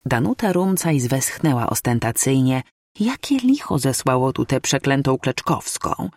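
Brief: animated audiobook narrator, wry tone, dry close recording. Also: medium pitch, unhurried, no room sound. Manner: wry, lively storytelling.

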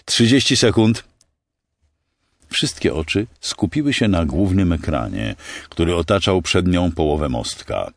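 Deep voiced guy narrating an audiobook, really expressive pitch, dry close mic. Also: moderate pace, creaky, no echo. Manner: expressive storytelling.

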